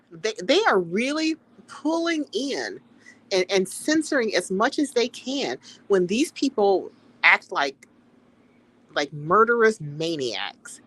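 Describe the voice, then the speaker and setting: Husky, bright-voiced animated woman. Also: mid-range voice, takes it slowly. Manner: animated and emphatic, repeats phrases. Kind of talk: casual political chat.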